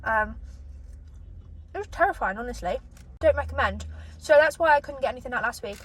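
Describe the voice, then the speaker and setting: A British woman chatting casually to camera as she eats, pausing for bites as a mukbang host. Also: fairly high pitch, lively intonation, fairly bright tone, breathy edge. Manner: eating as she talks, with pauses for bites. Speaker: mukbang host eating and reviewing food. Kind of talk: casual chat to camera while eating. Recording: distant microphone, noticeable background noise.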